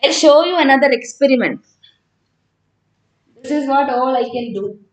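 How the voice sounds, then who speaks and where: On an informal live stream, an online physics teacher from Kerala answers her students in a conversational way, her South Indian accent clear. She has a high voice at a moderate pace, and the audio sounds dull.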